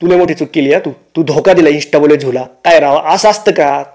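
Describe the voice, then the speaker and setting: A man's voice: on the high side, a little fast, a little mellow. A man hosting a comic roast, teasing and mocking the people in the clips he reacts to. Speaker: roast host.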